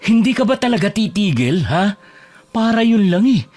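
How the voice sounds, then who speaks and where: A man's voice: sits high, expressive, moderate pace, darkish tone, faint music behind. A man playing a weary fish-vendor husband. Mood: exasperated. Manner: respectful with elders, exasperated with wife.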